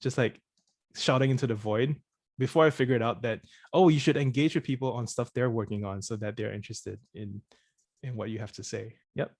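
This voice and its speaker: Halting, dry-sounding man from Singapore. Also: mid-range voice, darkish tone, no echo. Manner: halting, repeats words, laughs often. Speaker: presenter of the course session. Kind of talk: casual conversational Q&A.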